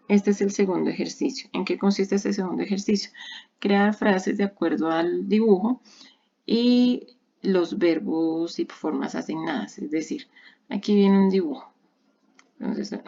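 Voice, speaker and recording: A woman teaches English grammar in a recorded online lesson. Her voice sits low, with a gravelly edge. She explains patiently, step by step, repeating each example, and the recording sounds dull and lo-fi. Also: mellow.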